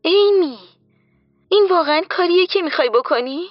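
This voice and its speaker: A woman's voice: fairly high pitch, dry recording, highs cut off, soft background music, voice pushed up, natural voice. A woman voicing a nosy, worried young friend in an audiobook, asking insistent anxious questions. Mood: pleading. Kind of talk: audiobook character voice.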